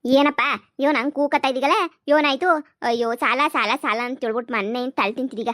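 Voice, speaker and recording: A high, rapid-fire cartoon mother, voiced by a woman, stubborn and quick to scold. She grumbles and refuses, recorded dry and close with no room sound. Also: steady tone, no echo, close to an everyday voice. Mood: defiant. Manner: scolding, grumbling, fast and defiant. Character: stubborn middle-aged village mother, election-obsessed. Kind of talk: cartoon comedy voice acting.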